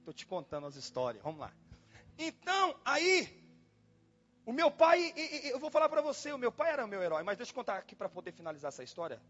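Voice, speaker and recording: A pastor preaching in a church, telling a personal story in a dramatic way, exclaiming and repeating himself. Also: male voice, very high-pitched, wildly swooping pitch, fast talker, a bit bright. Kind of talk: storytelling sermon. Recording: dull lo-fi sound with faint music.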